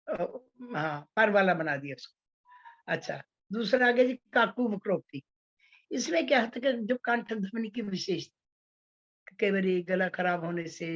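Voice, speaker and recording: Slow-speaking woman teaching Hindi poetics. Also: mid-range voice, a bit bright, dull audio. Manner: slow, explanatory, with many fillers and restarts. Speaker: poetry teacher. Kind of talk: online class on Hindi poetics.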